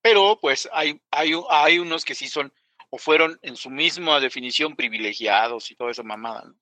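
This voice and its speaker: A man's voice: mid-range voice, normal speed, pushed and bright, no room sound. A man with a Mexican accent co-hosting a podcast, blunt and slangy in casual chat.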